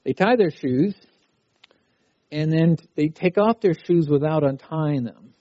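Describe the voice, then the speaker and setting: A man's voice: a little high, a little slow, warm tone, no room sound. Conversational preacher man, muffled sound. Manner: conversational, mimics a frustrated child with cries. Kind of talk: sermon. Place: conference hall.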